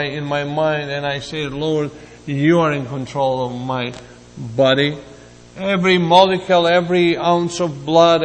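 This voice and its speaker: A man in his seventies from Greece, giving a halting, reflective sermon with personal asides. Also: on the high side, a bit bright, in a large hall. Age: 70s. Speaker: preacher.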